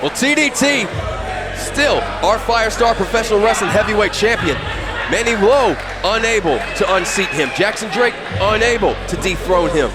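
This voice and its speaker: A man giving excited live play-by-play as a wrestling commentator, often raising his voice to shout the calls. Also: sits high, moderate pace, over loud music. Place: live wrestling event with crowd behind. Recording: noisy live event, loud crowd.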